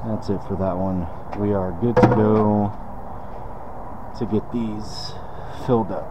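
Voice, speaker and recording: A relaxed man with a drawl talks through a detailing job in an easygoing, unhurried way. His voice sits a bit low, and steady shop noise runs clearly behind him. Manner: laid-back, talks while working. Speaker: car detailer. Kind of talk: casual how-to demonstration.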